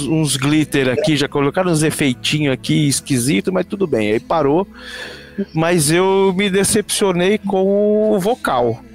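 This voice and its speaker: A man co-hosting a casual music review, animated and slangy in his speech. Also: fairly high pitch. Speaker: co-host.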